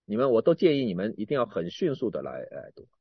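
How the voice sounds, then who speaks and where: A man preaching a sermon, animated, often repeating and restarting words and swinging from emphatic to quiet. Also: lowish voice, quick pace, vocal fry, husky, dry recording, lo-fi sound.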